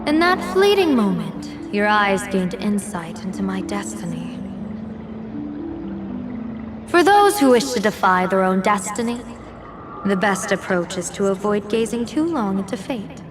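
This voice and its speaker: Casting: coy, theatrical game fortune-teller, young woman, mid-pitched with sweeping intonation, music behind. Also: sing-song, unhurried. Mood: mysterious, coy. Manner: teasing, coy, dramatic. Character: sly, theatrical young female fortune-teller, playfully blackmailing. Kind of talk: video game voice acting. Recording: music under the voice.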